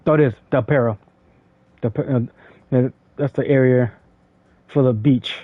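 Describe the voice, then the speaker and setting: A man's voice: medium pitch, steady tone, moderate pace, no echo. Man rambling over gameplay, tinny dry sound. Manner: rambling, many fillers and stammered restarts. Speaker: gaming streamer. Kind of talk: casual gameplay commentary. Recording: dry tinny phone-like audio.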